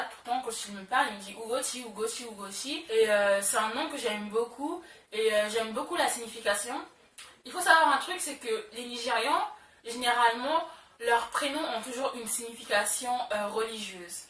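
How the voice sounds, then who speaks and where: A young woman vlogs casually to her camera in a bright, somewhat high voice, chatty and full of fillers, repeating words for emphasis. She sits a little back from the mic, and her voice carries a roomy echo with faint noise behind it. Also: recorded from a distance. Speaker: beauty vlogger.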